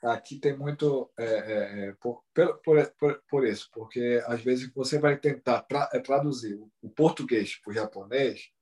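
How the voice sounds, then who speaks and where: A man's voice: mid-range voice, a little slow, hardly any pauses, a little mellow. A Brazilian man talking casually and animatedly, tagging sentences with "entendeu?" and "sabe?". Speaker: Brazilian living in Japan, talking about the language. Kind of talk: casual chat.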